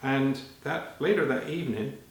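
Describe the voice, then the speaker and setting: Man telling children a story, echoey room. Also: medium pitch. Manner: animated, addressing children with questions; halting, repeats phrases as he narrates. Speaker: children's storyteller and magic performer. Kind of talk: live children's storytelling performance.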